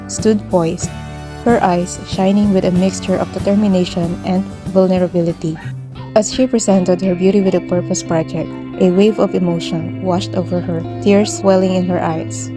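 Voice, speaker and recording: A woman with a fairly low voice reads a scripted narration smoothly and evenly. Loud new-age music runs beneath her voice throughout. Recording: loud music bed under voice.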